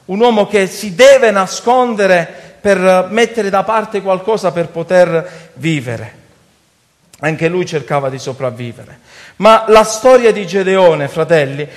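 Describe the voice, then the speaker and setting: A male preacher with a very high voice delivers a fervent sermon. His voice rings with a long church-hall reverb. He keeps turning to the congregation and calling them brothers. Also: expressive, slow. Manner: impassioned preaching, often addressing the brothers.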